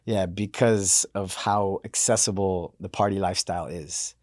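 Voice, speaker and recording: A man in his thirties from Miami, a podcast guest, telling his life story in a relaxed, rambling way with lots of fillers. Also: low voice, normal speed, no echo, studio quality. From Miami, Florida. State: banged up from hockey. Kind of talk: casual interview talk.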